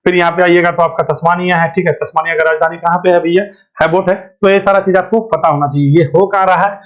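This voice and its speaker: A man's voice: high-pitched, steady tone, fast talker. A man runs an exam-prep lesson. He fires off questions and answers them himself, dropping "thik hai" again and again. The recording is dull and lo-fi. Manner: colloquial, keeps asking and answering his own questions with "thik hai". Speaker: current affairs teacher. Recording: dull lo-fi sound.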